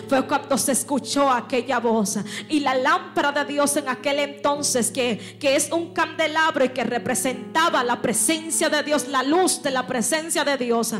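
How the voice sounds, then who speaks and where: High-voiced woman preaching fervently. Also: a little slow, hardly any pauses. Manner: fervent, sprinkles "aleluya", builds to shouting. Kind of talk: Pentecostal sermon. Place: church sanctuary. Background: church music.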